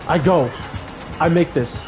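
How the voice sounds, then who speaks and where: A young man streaming a game, joking with his chat and laughing between calls to his teammates. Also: fairly high pitch. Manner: joking, talks to chat while playing, laughs often. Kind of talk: casual gaming stream chat.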